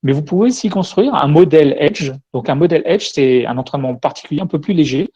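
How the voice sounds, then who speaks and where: A man's voice: on the high side, lively intonation, fast, dark tone, breathy edge, dull audio. A man speaking at a tech conference, explaining step by step while running a live demo.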